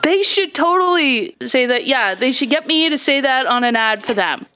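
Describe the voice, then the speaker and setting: A woman's voice: high-pitched, animated, moderate pace, sharp tone. A woman guest on a podcast, chatting casually in a giggly, playful way. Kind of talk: casual chat.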